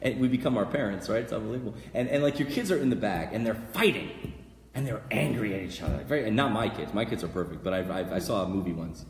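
A man in his thirties, a rabbi teaching a weekly class, animated and gesturing, bursting into loud acted voices. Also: fairly low pitch, fast. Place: small room before a banner backdrop, live class. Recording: echoey room with long reverb.

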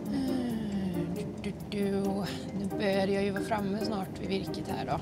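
A young woman with a Swedish accent, a timber truck driver thinking aloud in a reality show, swearing under stress. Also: medium pitch. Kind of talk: reality TV commentary. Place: truck cab. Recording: music playing underneath.

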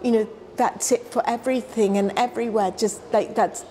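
A middle-aged environmental scientist from South Africa who was raised in London explains her environmental work in a relaxed, earnest and measured interview. She sits on a sofa in a hotel lounge, speaking in a fairly high voice. There is slight background noise.

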